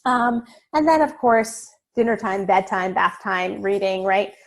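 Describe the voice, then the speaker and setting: Calm, reassuring woman psychologist. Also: medium pitch, unhurried. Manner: calm and reassuring, with frequent "um" and "right?". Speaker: child psychologist giving a parenting webinar. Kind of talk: informal webinar talk.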